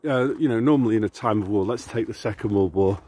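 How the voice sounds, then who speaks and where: A man's voice: on the low side, fast, darkish tone, slightly rough. A man talking casually to camera as he walks to the shops, rambling and sardonic. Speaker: vlogger. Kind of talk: casual talk to camera while out walking. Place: outdoors on the way to the shops.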